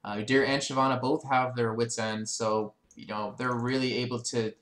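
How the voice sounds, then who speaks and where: A man doing color commentary on a video game match, excitable and quick to jump in, often apologizing for interrupting. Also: medium pitch, reverberant. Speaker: esports co-caster.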